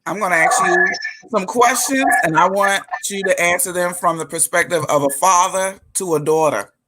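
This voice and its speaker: Bright, emphatic woman hosting an interview. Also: fairly low pitch, normal speed, a little hiss or hum. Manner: lively, emphatic, churchy turns of phrase. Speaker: host. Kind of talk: live interview show.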